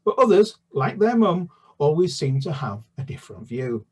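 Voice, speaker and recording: Here a British man who writes for children has a voice on the high side with a slight roughness. He describes his books in a halting way, with frequent restarts and fillers, before reading one chapter aloud with even, steady narration.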